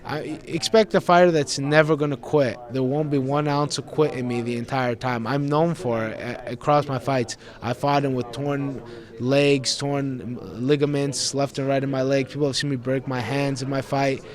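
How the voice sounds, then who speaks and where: A man's voice: medium pitch, steady tone, normal speed. A young adult man from Greece, an MMA fighter giving a pre-fight interview in an earnest, rambling way, repeating words as he goes.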